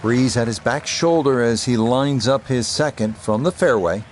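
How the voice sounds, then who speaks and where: A man as a golf commentator, calling play in a measured, polished broadcast manner. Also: medium pitch, natural voice. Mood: composed, approving. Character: composed male television golf commentator. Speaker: golf commentator, lead announcer. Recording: crowd and outdoor noise behind. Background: crowd ambience.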